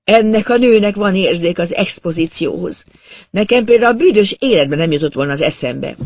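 A male reader voicing a woman in horn-rimmed glasses who delivers a dry, sardonic comment. The voice is lifted slightly, with a raspy, gravelly texture. It sounds close and dry. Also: sits high, lively intonation, dry recording, pitched above the performer's own voice.

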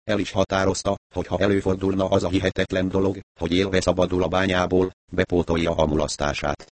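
A man with a very low voice reads a novel aloud in a steady, even narrating manner. The recording is dry and close, with no room sound at all. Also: no room sound. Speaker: audiobook narrator. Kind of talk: scripted narration.

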